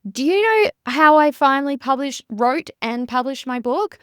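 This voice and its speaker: An Australian woman in her thirties from rural South Australia, a podcast host and business coach, gives a casual solo monologue into a close mic, chatty and earnest, often restarting sentences and leaning on fillers. Her high, bright voice has lively intonation and a moderate pace, and the dry sound has no room around it.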